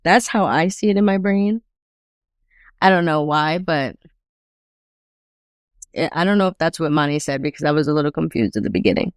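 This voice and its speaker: A woman's voice: deep voice, animated, normal speed, pauses often, no echo, clean studio sound. A woman in her late twenties co-hosting a casual podcast, chatty and playful with slang. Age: 20s. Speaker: podcast co-host. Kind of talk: casual chat.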